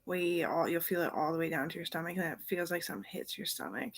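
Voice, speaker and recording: A woman's voice: on the low side, fast talker. A woman in a rambling casual monologue, drifting between thoughts and sometimes trailing off into whispers. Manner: meandering, loose train of thought.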